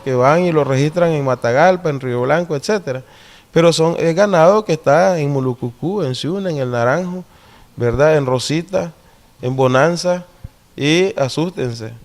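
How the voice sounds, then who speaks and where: A man with a fairly high voice and a Nicaraguan Caribbean coast Spanish accent. He explains deliberately, as an interview guest does, often stopping on small tag questions to seek agreement. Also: darkish tone.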